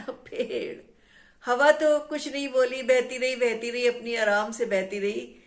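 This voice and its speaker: A woman's voice: a little high, flat delivery, normal speed. A woman telling a children's story, rhythmic and repetitive, often asking her listeners questions.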